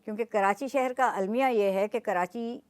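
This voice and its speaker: A woman's voice: mid-range voice, clean tone. A woman with a Pakistani Urdu accent, speaking as an interview guest and explaining her points earnestly with examples. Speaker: guest, journalist and environmentalist.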